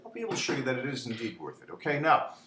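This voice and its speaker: A male instructor walks through a spreadsheet lesson in a chatty, theatrical way. His voice sits at an ordinary pitch. It is recorded in a noticeably echoey room with a faint hum behind it. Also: wildly swooping pitch, very fast, pushed and bright. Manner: chatty, repeats "okay?", dramatizes panic. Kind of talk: spreadsheet tutorial.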